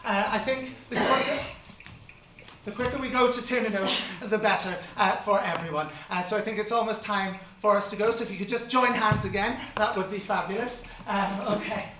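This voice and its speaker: A woman's voice: mid-range voice, normal speed. A woman performer talking in a flustered, hesitant way to the audience. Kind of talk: immersive theatre performance. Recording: roomy theatre from far off, noisy.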